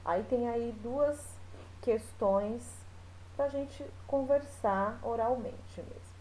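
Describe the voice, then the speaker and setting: A woman's voice: on the high side, warm tone, slight background noise, poor audio. A woman teacher talking her class through a recorded lesson in a loose, chatty way, with many small fillers. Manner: explains slowly, with frequent fillers.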